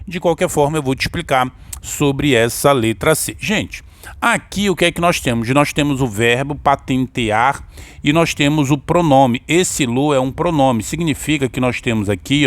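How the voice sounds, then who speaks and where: A man's voice: on the high side, a bit bright, no room sound. A man with a Brazilian accent teaching an exam-prep grammar lesson, explaining step by step and often checking in with his listeners.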